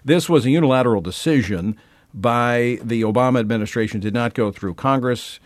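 A man from Louisiana hosting a talk radio show, chatting with many fillers and swinging between loud and soft delivery. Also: medium pitch, fairly quick, no echo.

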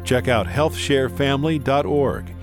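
A man's voice: mid-range voice, a little slow, over music. A man reading a scripted radio ad in an upbeat, persuasive way. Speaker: ad announcer.

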